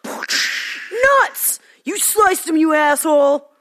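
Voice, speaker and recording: An outraged, brash cartoon fighter played by a woman, firing back at a villain. The voice is high and the words are drawn out. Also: animated, unhurried, pushed and bright, no room sound, heavily acted.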